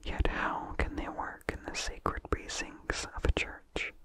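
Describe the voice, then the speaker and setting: A narrator reads a vintage horror story as ASMR, speaking in a fully unvoiced, breathy whisper. The phrasing is slow, measured, and deliberate. A close microphone picks up incidental mouth sounds.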